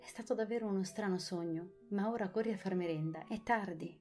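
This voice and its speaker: Woman doing a gentle storybook older sister, soft and quiet. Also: medium pitch, brisk, soft background music, lightly acted.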